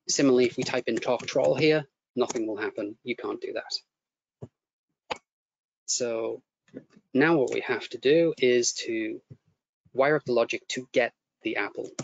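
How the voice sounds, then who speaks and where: A man's voice: mid-range voice, vocal fry. Man walking through code as he types. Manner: explains step by step while typing, repeats words. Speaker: teacher demonstrating coding. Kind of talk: live coding tutorial. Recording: muffled lo-fi audio with faint noise.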